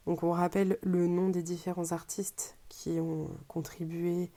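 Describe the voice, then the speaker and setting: A woman's voice: fairly low pitch, flat delivery, measured pace, warm tone. A woman with a French accent casually presenting an unboxing as a reviewer, hesitant and often searching for her words. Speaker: tarot deck reviewer.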